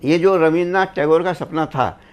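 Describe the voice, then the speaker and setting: Measured, reflective male panelist. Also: fairly high pitch, darkish tone. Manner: measured, reflective, quotes couplets and sayings. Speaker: panelist, former government officer. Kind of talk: studio panel discussion.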